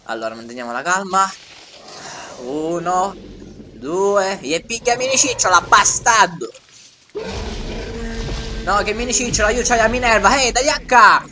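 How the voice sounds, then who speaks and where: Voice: mid-range voice, unhurried, pauses often, pushed and bright. An actor voicing a frantic, foul-mouthed Sicilian in a comic parody dub of a dinosaur film, with a Sicilian accent and an exclamatory, colloquial manner. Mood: exasperated. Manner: exclamatory, colloquial, full of wails and swearing. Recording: music running under the voice.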